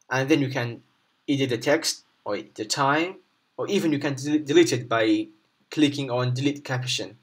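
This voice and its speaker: A man presenting an unscripted screen tutorial step by step, haltingly, often repeating and rephrasing his instructions. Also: mid-range voice.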